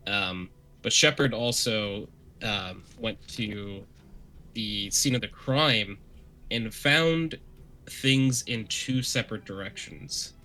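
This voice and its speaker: Bright-voiced man recapping a game. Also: on the low side, slow pace. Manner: rambling, many fillers, laughs easily. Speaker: tabletop game player giving a recap. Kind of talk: casual recap of a tabletop game.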